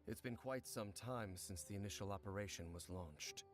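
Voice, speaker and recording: A man voicing a calm, measured male investigator who speaks formally in game dialogue. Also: on the low side, lightly acted. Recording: game audio with music.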